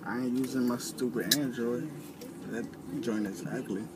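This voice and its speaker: A man's voice: medium pitch, fairly even intonation, normal speed, very noisy. A young man chatting casually to his camera in a car, with laid-back, mumbled asides. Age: young adult. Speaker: vlogger. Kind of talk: casual vlog chat. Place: inside a car, then a bowling alley. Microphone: handheld camera close up.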